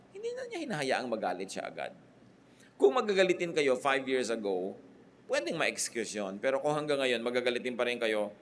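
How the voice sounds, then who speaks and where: A middle-aged man from the Philippines with a Filipino accent, preaching a sermon as a pastor and switching between Tagalog and English, with emphatic rises and drops in loudness and pitch. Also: slight background noise.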